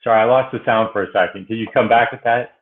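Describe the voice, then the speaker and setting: A man's voice: medium pitch, fairly even intonation, quick pace. A male podcast host asking practical questions in a friendly casual interview over a video call. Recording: tinny phone-like call audio.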